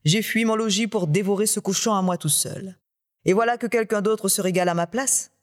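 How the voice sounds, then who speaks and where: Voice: mid-range voice, expressive, moderate pace, a little mellow, lightly acted. A storyteller voicing a greedy, hot-tempered tiger husband who blusters indignantly in a somewhat raised voice.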